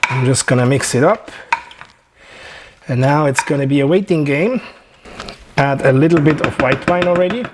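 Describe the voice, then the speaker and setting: A man's voice: a little high, moderate pace, long pauses, background noise. A man with a Swiss accent, a chef chatting and joking through a cooking demonstration in his home kitchen. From Switzerland. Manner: chatty, joking, relaxed instructions.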